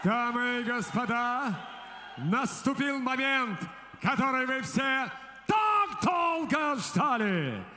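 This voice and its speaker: A man working as a ring announcer, delivering a booming stage introduction for a fight in a large arena. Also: sing-song. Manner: booming stage introduction with drawn-out shouted names and rapid-fire stats. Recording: echoey arena PA, some background noise.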